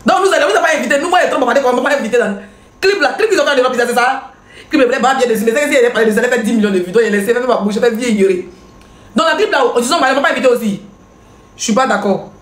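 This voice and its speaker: A woman's voice: fairly high pitch, lively intonation, reverberant. A woman blogger, hosting a live stream and commenting in a mocking, laughing way. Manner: mocking, laughing, rapid back-and-forth with viewers.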